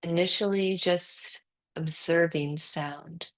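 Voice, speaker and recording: A yoga nidra teacher guides a relaxation session. Her voice is a little low and extremely slow, and she offers calm, soothing directions in brief phrases separated by long pauses.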